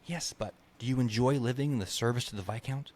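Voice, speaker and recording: A man's voice: medium pitch, quick pace, darkish tone, natural voice. An author reading aloud, a man voicing a young, eager male squire who pleads earnestly. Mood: pleading.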